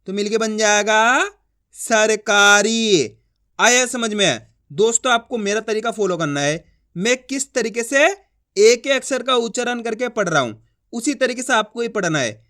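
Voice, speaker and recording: A man teaching a reading lesson step by step, drilling with repeated questions and answers and stretching syllables out slowly. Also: extremely high pitch, expressive, a bit bright.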